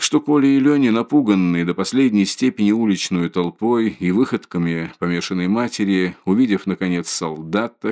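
Guy reading a classic novel audiobook, lowish voice, measured and expressive. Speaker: narrator.

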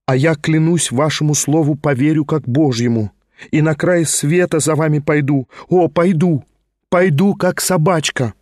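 A man's voice: fairly high pitch, measured pace, darkish tone, no room sound, clean studio sound, natural voice. A man voicing a distraught young noblewoman who pleads anxiously. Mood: pleading.

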